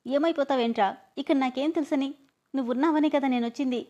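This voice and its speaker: A woman's voice: high-pitched, fast talker, dark tone, muffled recording, natural voice. A woman voicing a clingy, tearful and feisty young woman who pleads and scolds. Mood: tearful scolding.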